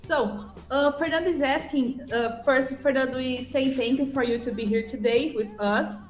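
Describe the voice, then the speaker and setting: A woman with a high, bright-toned voice interprets live, relaying questions in English and summarizing answers in quick Portuguese. Her voice rings in a roomy space, and music plays softly behind her.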